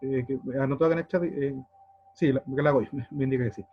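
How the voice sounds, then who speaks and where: A man's voice: medium pitch, steady tone, fast talker, dull audio, soft background music. A man moderating an online talk, hesitantly reading out questions from the chat. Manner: hesitant, repeats words.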